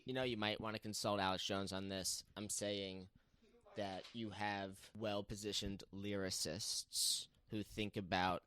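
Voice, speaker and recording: A man's voice: on the low side, flat delivery, unhurried, pushed and bright. A man in casual podcast banter, laying out an elaborate theory in an earnest, wordy way.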